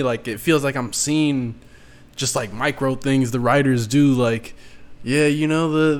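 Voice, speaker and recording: A man chatting casually about TV shows, animated and slangy, with lots of fillers. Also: medium pitch. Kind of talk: casual chat.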